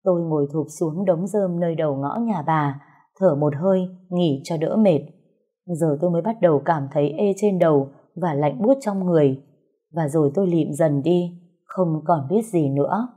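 A woman narrating a first-person story in a calm, somber, steady way. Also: low-pitched, moderate pace, husky.

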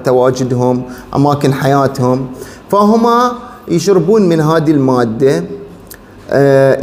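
A man's voice: on the high side, a little mellow, long reverb tail, slight background noise. A man with a Bahraini Arabic accent who presents a pest control company, chatty and salesy, talking straight to the viewers. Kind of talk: product demonstration and promotional explainer.

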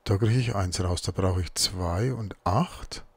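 A man's voice: low-pitched, unhurried, slight background noise. A man giving casual let's play commentary, muttering to himself as he works through crafting.

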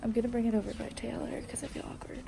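A young woman chatting casually to her vlog in a bubbly, excitable, slangy sorority-girl manner. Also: on the high side, racing, vocal fry. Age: young adult. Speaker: vlogger, sorority member. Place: campus patio, halls and bedroom. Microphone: phone at arm's length. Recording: noisy phone recording, background room noise.

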